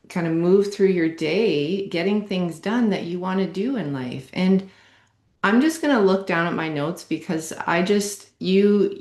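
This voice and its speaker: Deep-voiced woman coach in an echoey room. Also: darkish tone. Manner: encouraging, affirming. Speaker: wellness coach and program host. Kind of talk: casual interview.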